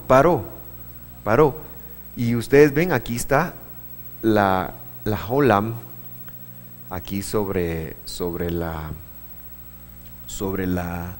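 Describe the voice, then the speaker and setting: A man teaching a church class, patient, asking the room questions, with many halting restarts. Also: mid-range voice. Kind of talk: classroom lesson on Hebrew vowels. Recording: long hall reverb.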